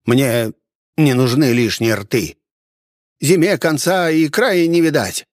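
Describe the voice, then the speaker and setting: A man voicing a bitter, stubborn innkeeper who shouts in anger and whose voice cracks high. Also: slow pace, no echo, studio quality, natural voice. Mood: furious. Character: furious desperate male innkeeper, bitter and stubborn. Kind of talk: audiobook character voice.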